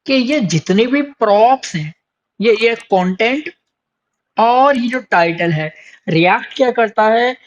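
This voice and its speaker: A man's voice: sits high, rough recording. A man teaching programming in a coding tutorial. He explains step by step, repeats his points, and often stops to check in with the learner. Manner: explanatory, repeats points, frequent "theek hai" check-ins and hesitations. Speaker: programming instructor. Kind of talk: screen-recorded coding tutorial.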